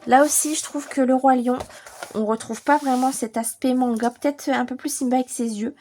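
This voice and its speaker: Chatty French woman with a dark voice. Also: sits high, fairly even intonation, normal speed, slight background noise. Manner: chatty, enthusiastic, many fillers. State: recovering from bronchitis, slightly hoarse. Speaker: adult coloring vlogger. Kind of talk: casual vlog chat.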